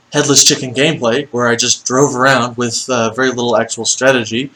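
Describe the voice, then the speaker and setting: A man's voice: medium pitch, fairly bright tone, poor audio. A young man giving chatty gameplay commentary, with frequent ums and dry sarcasm. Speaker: gaming YouTuber.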